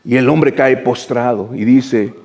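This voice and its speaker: A male pastor preaching a sermon with animated delivery, climbing high when retelling scripture scenes. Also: measured pace.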